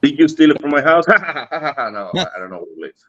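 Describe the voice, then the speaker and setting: Very animated and brisk, his fairly bright voice on the high side, a Dominican cigar industry guest with a Dominican Spanish accent tells a casual story, acting out dialogue and laughing often. The stream audio is dull and lo-fi.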